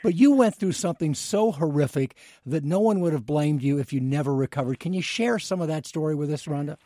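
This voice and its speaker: A man's voice: a little high, fairly quick, warm tone, dry recording, clean studio sound. A man co-hosting a radio talk show, introducing and interviewing a guest with enthusiasm. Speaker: radio co-host.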